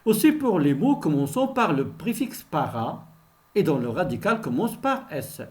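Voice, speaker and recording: Slow, lively French reading teacher. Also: male voice, a little high. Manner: repeats each word twice, explains meanings simply. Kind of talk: slow reading-lesson pronunciation drill.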